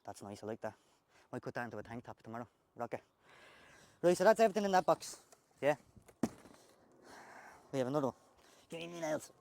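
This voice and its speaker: A man's voice: medium pitch, sing-song, fairly quick, creaky, pauses often, darkish tone, slight background noise. An Irish tradesman in a casual unboxing chat, joking and swearing as he talks to the person filming. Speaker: tradesman unboxing work gear.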